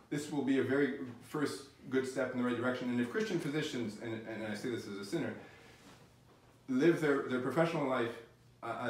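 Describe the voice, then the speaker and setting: A middle-aged physician giving a faith-based lecture, speaking earnestly and haltingly, with many restarts. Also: male voice, mid-range voice. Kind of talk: faith-based academic talk. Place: lecture room. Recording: very echoey room, distant mic, faint noise.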